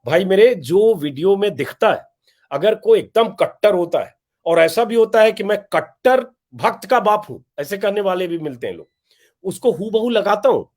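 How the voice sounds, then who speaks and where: A man in his fifties speaks straight to his viewers as host of his own channel. His voice sits fairly high for a man. He explains at length in an earnest way, pausing often and ticking through lists of places and examples. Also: animated, a little mellow. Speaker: journalist and YouTube channel host. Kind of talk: direct-to-camera talk to viewers.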